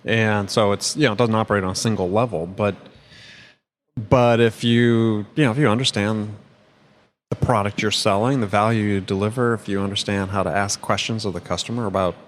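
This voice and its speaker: Low-voiced man hosting, losing his voice. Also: steady tone, brisk, a little hiss or hum. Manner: rambling, self-interrupting, chuckles often. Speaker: podcast host. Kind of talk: casual conversational chat.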